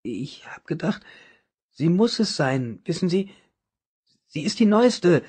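A man voicing a gangly, paranoid old male psychiatric patient who shouts frantic warnings, in an audiobook reading. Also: very high voice, lively intonation, very slow, gravelly, breathy edge, voice pushed up, full character voice. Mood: doubtful, sad.

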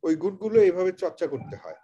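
A man's voice: high-pitched, big pitch swings, fast talker, mellow, breathy edge, lo-fi sound. A man leading an online teacher training session, explaining earnestly on a video call and asking rhetorical questions.

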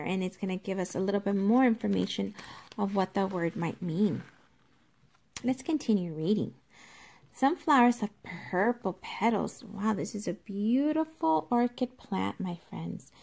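A teacher reads a nonfiction book aloud to young children, explaining it deliberately and instructively while speaking to them directly. Her voice is mid-range, gravelly, and dark.

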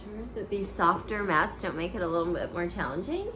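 A woman's voice: lowish voice, a little fast, background noise. A woman doing push ups and chatting casually with her workout partner, picked up by a camera mic in a room. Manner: counting and talking while doing push-ups. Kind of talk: casual chat during exercise. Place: living room at night, on exercise mat. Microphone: camera on floor, a few feet away.

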